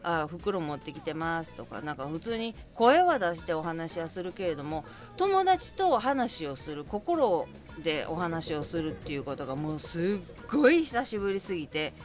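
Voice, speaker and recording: A woman's voice: on the low side, sing-song, moderate pace, few pauses, soft background music. A woman with a Kansai accent, chatting alone as podcast host and telling a story with laughs along the way. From Kansai region of Japan. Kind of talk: casual solo monologue.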